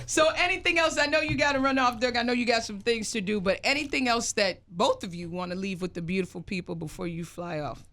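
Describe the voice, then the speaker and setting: A woman from Canada hosting a casual radio interview, playful and quick to laugh. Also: a little high, a bit bright. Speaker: radio host.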